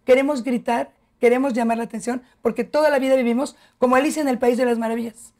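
A woman's voice: a little high, fairly even intonation, fast talker. A middle-aged woman, a family education expert, explaining patiently as a guest on a TV talk show. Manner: warm, didactic, addresses host by name.

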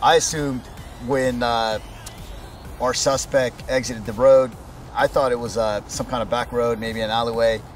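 A middle-aged policeman recounts an incident in formal, halting police language. He is outdoors, a little away from the mic, with music clearly behind him. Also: mid-range voice, fairly even intonation, far from the mic. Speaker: police officer. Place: outdoors at night by a patrol car.

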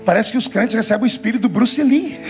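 A man's voice: very high-pitched, fast, loud music behind the voice, voice pushed up. A man voicing an earnest, simple country man with a Minas Gerais accent who drawls through his story.

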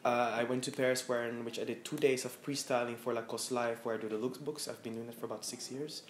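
A fashion stylist in his thirties from Amsterdam, Netherlands, speaks as a guest before a small live audience, candid and reflective with plenty of fillers. His mid-range voice is fairly even in intonation and quick, and the recording has a roomy echo with faint noise.

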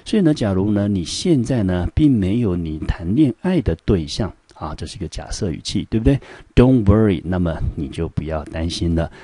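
Deep dry-voiced male English teacher. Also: lively intonation, normal speed, hardly any pauses, mellow, husky, no room sound. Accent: Taiwanese Mandarin. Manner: explains step by step, asks rhetorical questions. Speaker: high school English teacher. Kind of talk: classroom grammar lesson.

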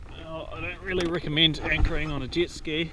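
A man in his thirties from New Zealand, calmly explaining his fishing setup while out on a jet ski, recorded on an action camera. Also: a little high, brisk. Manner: relaxed, explanatory, practical. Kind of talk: casual how-to narration. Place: on a jet ski out on open water. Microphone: action camera mounted on the craft. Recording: windy outdoor action-camera audio. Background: wind and water noise.

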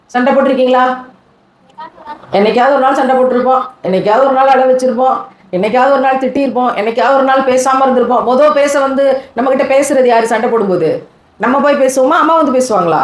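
A woman preacher giving an animated sermon to young people, acting out what children and mothers say. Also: high-pitched, reverberant, rough recording. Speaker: Islamic preacher.

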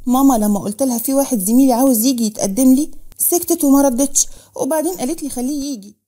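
A woman's voice: sits high, racing, dark tone. A woman voicing an impulsive young woman in love, eager and headstrong, with an Egyptian accent, in a storybook reading.

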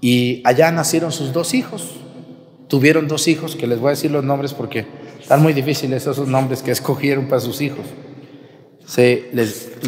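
A man, a priest, giving a lively homily, retelling a Bible story and asking his listeners questions. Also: mid-range voice, in a large hall.

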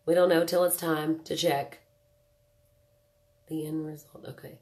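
Stuffy and nasal with a cold, this woman in her thirties has a low, darkish, lilting voice, a level tone and a measured pace. She's a chatty makeup livestream host in a small room at home, joking through a casual tutorial and greeting viewers by name.

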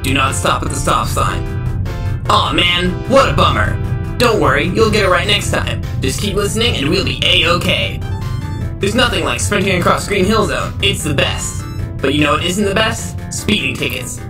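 A man's voice: sits high, expressive, normal speed. A man voicing a perky, cocky young cartoon hedgehog who gives driving instructions in an analog horror parody, upbeat with a hint of menace. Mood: chirpy, instructive. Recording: roomy, distant sound under music. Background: music.

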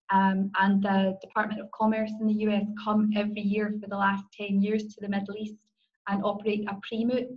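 Speaking over a video call as part of a conference panel, a middle-aged Scottish woman who teaches law and coaches moot court shares enthusiastic, personal remarks. She has a mid-range voice, captured in dull-sounding audio.

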